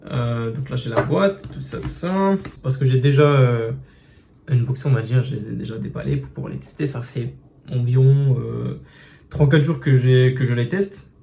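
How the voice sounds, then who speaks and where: Chatty man reviewing earbuds, mellow voice. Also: mid-range voice, normal speed, gravelly, a little hiss or hum. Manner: chatty, with many fillers and restarts. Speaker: tech reviewer. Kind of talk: casual unboxing review. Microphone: phone camera.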